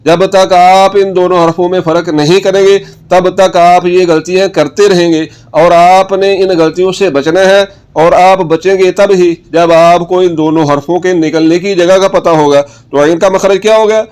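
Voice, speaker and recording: A man teaching Quran recitation rules, patiently repeating each word slowly for practice. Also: sits high, steady tone, darkish tone, clear, resonant tone. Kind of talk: tajweed lesson.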